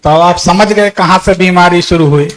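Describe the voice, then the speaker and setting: Male astrologer, high voice, commanding and probing in a consultation. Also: moderate pace, a bit bright. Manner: authoritative, questioning, predicts past events.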